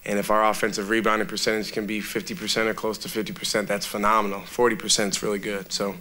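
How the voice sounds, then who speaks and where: This is a college basketball coach, a man in his thirties, taking reporters' questions after a game. He has a fairly low voice and a steady, measured delivery full of fillers, picked up by a table microphone in a press room with a sponsor backdrop behind him.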